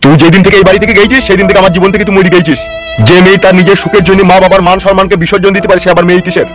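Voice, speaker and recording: For a comic Bengali cartoon dub, a man voices a furious, foul-mouthed, middle-aged village father in a hectoring, abusive rant. His voice is high, steady and close to an everyday voice, delivered rapid-fire over music.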